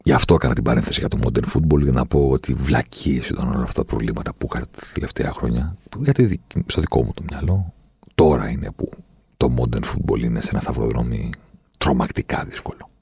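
A man hosting a football podcast, giving an indignant opinion monologue that climbs to loud, heated emphasis and calls his listeners "guys". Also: very deep voice, creaky, breathy edge.

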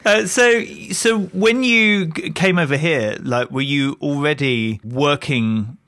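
A host asking relaxed, curious follow-up questions in a casual interview. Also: mid-range voice, takes it slowly, no room sound, studio quality.

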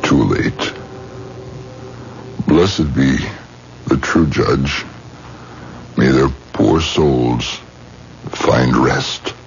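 An actor playing a stern religious exorcist in a radio drama, declaiming with ceremonial authority. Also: male voice, very deep voice, drawn-out words, long pauses, full character voice. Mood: solemn resignation. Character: stern, solemn religious judge performing an exorcism. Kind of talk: theatrical radio drama acting. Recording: muffled recording with clear background noise.

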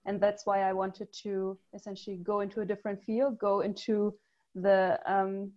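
A woman's voice: mid-range voice, little pitch movement, normal speed, darkish tone, muffled recording. A woman from Germany, a guest on a podcast interview, talking thoughtfully with many ums and restarts. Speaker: guest, user research lead.

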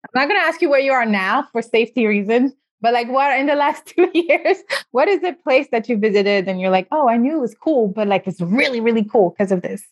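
A woman hosts a podcast in a casual interview style, her fairly high voice expressive and brisk. She asks long, rambling questions in a chatty manner and laughs often, and the sound is slightly dull.

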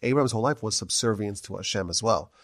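A man hosting a religious podcast discussion, earnest and halting, with many restarts. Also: on the low side, no room sound, studio quality. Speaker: rabbi podcast host.

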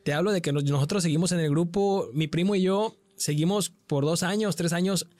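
A man's voice: high-pitched, brisk, no echo. A man with a Mexican accent telling a personal paranormal story in casual, slang-filled conversation. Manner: frequent slang and swearing, animated retelling. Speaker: guest telling a paranormal experience.

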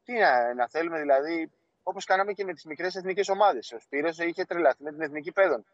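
A man's voice: a little high, lively intonation, dry recording. A man reporting remotely for a sports show, earnest and emphatic. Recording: dull dry remote line.

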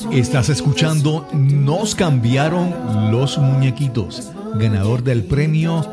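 A man's voice: mid-range voice, slow pace, over loud music. A man hosts a podcast. He introduces the show and asks his guest friendly follow-up questions. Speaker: podcast host.

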